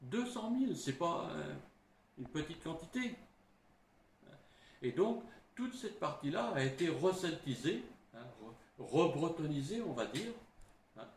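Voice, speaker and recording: A middle-aged man, a historian, explaining in a halting way, full of restarts and little tag words. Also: a little high, sing-song, slight background noise. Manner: halting, frequent "hein" and restarts. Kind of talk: explanatory talk. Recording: roomy with faint ambience.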